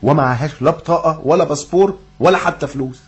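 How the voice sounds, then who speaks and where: A man's voice: on the high side, natural voice. An actor playing a cheeky, mocking young man in a comic radio drama, speaking with an Egyptian Arabic accent and firing off sarcastic banter. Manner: rapid, teasing, sarcastic banter. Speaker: son, comic lead.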